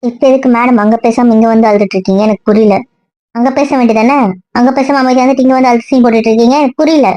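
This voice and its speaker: ஒரு பெண் நடிகை, நேரடியாகவும் கடிந்துகொள்ளும் விதமாகவும் பேசும் இளம் பெண்ணாக நடிக்கிறார். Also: female voice, a little high, fairly even intonation, warm tone, no echo, close to an everyday voice. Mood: scolding. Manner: quick, blunt, scolding. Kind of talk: web serial acting. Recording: dry dull lo-fi sound.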